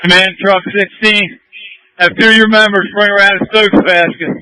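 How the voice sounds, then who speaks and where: A man's voice: sits high, little pitch movement, moderate pace, bright, forceful tone, smooth, dry recording, poor audio. A man giving urgent, clipped firefighter commands as a fire officer over a two-way radio. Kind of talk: operational radio dispatch traffic.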